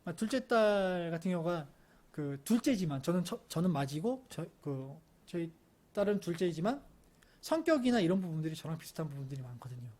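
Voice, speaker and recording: A middle-aged man giving an earnest parenting lecture, telling personal stories about his children and at times pausing and restarting his sentences. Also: a little high, sing-song. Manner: earnest, softens into gentle soothing when quoting comfort to his daughters; hesitant, with fillers and restarts. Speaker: parent educator.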